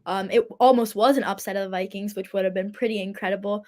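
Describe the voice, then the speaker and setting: A teenage girl hosting a school sports talk show, quipping and punning, her voice squeaky and strained. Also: steady tone, fast talker, darkish tone. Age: teens. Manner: playful, punning sports quips. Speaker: host.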